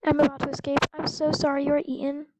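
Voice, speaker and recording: A woman hosting a gameplay video, chatting excitedly and explaining the game rules to a friend as they play. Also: high-pitched, quick pace, very noisy. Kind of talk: casual gameplay chat.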